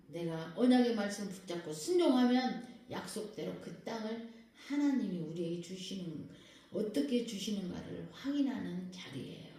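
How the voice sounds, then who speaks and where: Warm-voiced woman pastor preaching in an echoey hall. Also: mid-range voice. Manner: lively preaching that keeps questioning the congregation. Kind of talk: sermon. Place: prayer house worship hall. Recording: very echoey hall, voice far from the mic.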